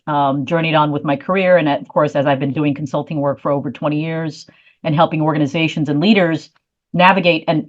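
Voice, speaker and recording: A South Korean woman with a deep voice, recorded with lo-fi sound, appears as a guest leadership consultant. She answers interview questions thoughtfully, with frequent fillers and restarts.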